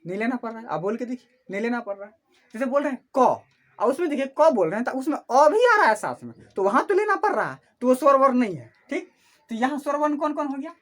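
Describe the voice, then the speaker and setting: A woman teaching an online class who asks questions and answers them herself, repeating each key term. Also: high-pitched.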